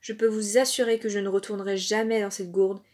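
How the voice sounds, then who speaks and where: A woman's voice: medium pitch, little pitch movement, fairly quick, a little mellow, close to an everyday voice. A woman voicing a timid male rat trapped in a gourd, pleading to be freed. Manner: pleading, fearful.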